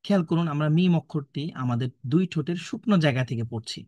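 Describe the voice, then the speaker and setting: A male Quran teacher with a Bangladeshi Bengali accent, giving a slow step-by-step recitation lesson and patiently drilling syllables in measured repetition. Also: a little high, lively intonation, mellow, dry recording.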